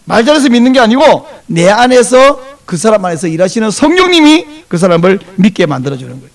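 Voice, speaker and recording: A man's voice: sits high, quick pace. A male pastor giving a Sunday sermon, telling stories animatedly and acting out bits of dialogue in different voices. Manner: animated storytelling, acts out dialogue in varied voices.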